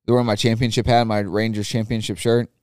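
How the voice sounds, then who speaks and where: Man from Texas, podcast co-host, quick brash banter, close dry mic. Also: lowish voice, flat delivery, a little mellow, clear, resonant tone, dry recording. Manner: brash, joking, quick trash talk. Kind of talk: casual banter.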